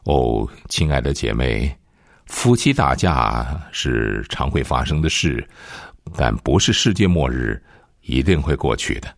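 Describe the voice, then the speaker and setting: A male preacher voicing a calm, seasoned older pastor who speaks slowly and soothingly. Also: rumbling low, vocal fry, no room sound, studio quality, pitched below the performer's own voice, heavily acted.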